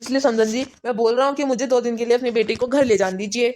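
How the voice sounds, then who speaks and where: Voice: mid-range voice, fairly even intonation, fast talker, darkish tone, close to an everyday voice. A performer playing a doting, crafty father in a family skit, soothing his daughter and slyly coaxing her in-laws. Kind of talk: Hindi family skit acting.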